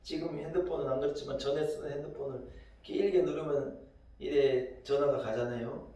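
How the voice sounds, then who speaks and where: A man's voice: fairly high pitch, steady tone, fairly quick, distant mic. Fervent male pastor in an echoing church. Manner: emphatic, builds to loud exclamations. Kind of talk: sermon. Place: church sanctuary. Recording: very echoey hall, voice from afar.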